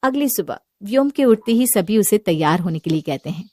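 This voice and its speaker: A woman narrating a family bedtime story in an animated, scripted style. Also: mid-range voice, a little fast, no room sound.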